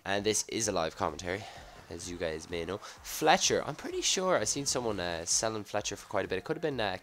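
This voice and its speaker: A man with a low voice, a little husky from a cold, commentates live on a game pack opening. He talks casually, reacting offhand to each item as it shows up. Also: fairly bright tone, a little hiss or hum. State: slightly sick, husky off voice from a cough. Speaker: gaming video host.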